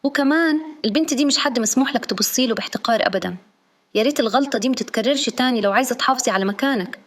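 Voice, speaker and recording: A woman's voice: on the high side, very fast, fairly bright tone, lightly acted. A woman with an Egyptian accent voicing a confident young woman who speaks firmly. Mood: threatening. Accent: Egyptian Arabic. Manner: confident, firm. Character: young woman scholar, bold and commanding.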